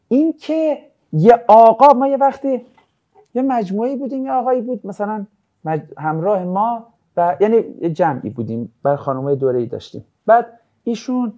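A man's voice: high voice, dull audio. A man teaching a religious ethics class, lecturing casually and acting out anecdotes with jokes. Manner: lively, jokey, acts out anecdotes.

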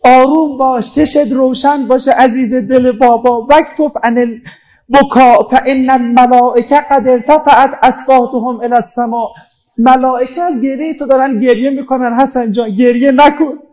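A man preaches a mourning sermon in a very high voice, his words breaking with weeping. He slows into chanted passages between plain storytelling. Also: steady tone, darkish tone, poor audio.

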